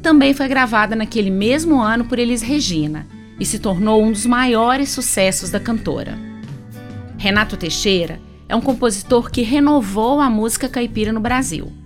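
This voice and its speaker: A woman with a Brazilian accent presenting a radio segment in a measured, unhurried scripted narration. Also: on the high side, expressive, soft background music.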